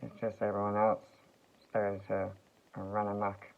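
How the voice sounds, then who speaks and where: A man drifts through a rambling vlog monologue, pausing and restarting as he goes. His voice sits low and crackles with gravel, and the sound is thin and tinny like a phone. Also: monotone. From United States. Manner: slow, meandering, halting with fillers and restarts.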